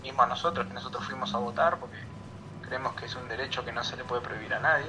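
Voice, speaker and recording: A man calling in to a radio show over the phone, answering questions in a serious, halting way as he searches for words. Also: medium pitch, fairly even intonation. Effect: heard over a phone line. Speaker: caller phoning in from abroad. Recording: noisy phone line.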